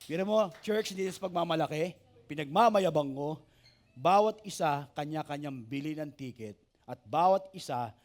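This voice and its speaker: A man, a pastor preaching an animated sermon, asking the congregation for amens and joking with them. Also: mid-range voice. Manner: animated preaching, asks the church for amens and jokes with it.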